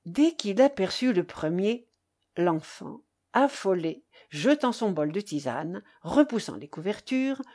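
A woman narrates a story in a measured, expressive reading. She takes her time over each phrase, her voice mellow and dark, with a lively, rising and falling pitch.

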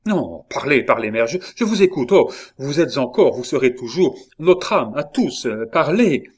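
A man voicing an agitated, vengeful young king who speaks loudly and insistently, sometimes pleading, in a dramatized audiobook reading. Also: medium pitch, very animated, moderate pace, husky.

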